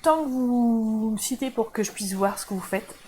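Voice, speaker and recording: A woman with a French accent leads a casual livestream at her craft desk. She talks to her viewers in a chatty, friendly way and laughs often, in a slightly high voice. A faint background hiss sits under her voice. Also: normal speed, a little mellow, rough recording. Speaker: crafting channel host. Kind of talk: casual live crafting demo. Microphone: camera mic.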